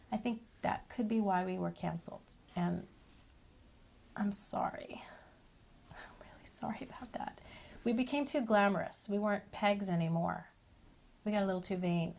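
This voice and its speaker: A woman's voice: medium pitch, moderate pace, vocal fry, a little mellow. Chatty middle-aged woman reminiscing. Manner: chatty, self-deprecating, playful asides. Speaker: former child actress interviewee. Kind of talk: reminiscing interview.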